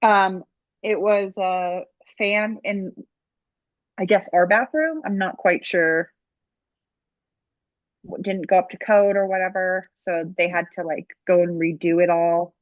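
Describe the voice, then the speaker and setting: A woman's voice: fairly low pitch, measured pace, pauses often, no room sound, dull audio. A young woman co-hosting a podcast, chatting casually and rambling, tripping over words now and then. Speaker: podcast co-host. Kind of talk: casual chat.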